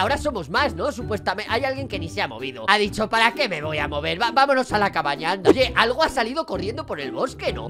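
A woman with an accent from Spain giving excitable let's-play commentary. She reads in-game dialogue aloud and talks straight to her subscribers. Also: medium pitch. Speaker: gaming YouTuber. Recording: game music behind the voice.

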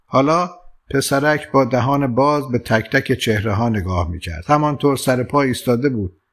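Male narrator, mid-pitched, calm and measured literary audiobook reading. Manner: calm, measured storytelling with lightly voiced quoted lines. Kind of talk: scripted narration.

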